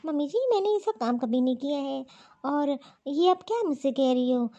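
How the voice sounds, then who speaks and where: A woman's voice: high-pitched, animated, normal speed, warm tone, muffled recording. A woman voicing a rude, lazy young daughter-in-law in a cartoon story; she refuses curtly and dismissively.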